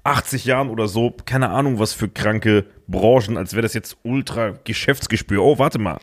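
A man co-hosting a podcast who mocks his partner with crude, quick retorts in casual banter. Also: on the low side. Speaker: podcast co-host.

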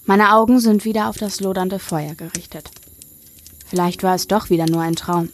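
A woman narrating a first-person horror story in a measured, suspenseful reading. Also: medium pitch, little pitch movement, a little hiss or hum.

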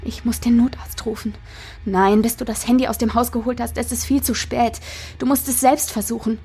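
A woman's voice: fairly high pitch, fairly even intonation, fairly quick, mellow, husky, faint music behind. A woman voicing a desperate young mother who pleads and urges herself on in a breathless, half-whispered voice. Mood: urgent. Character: desperate young mother fighting for her child.

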